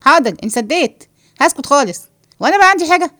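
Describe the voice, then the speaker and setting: A woman's voice: high-pitched, lively intonation, rapid-fire, fairly bright tone, no room sound, clean studio sound, voice pushed up. A woman voicing a cheeky, joking man with an Egyptian accent in a read-aloud play, teasing the others. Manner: teasing, wisecracking. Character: cheeky, joking man, carefree while eating.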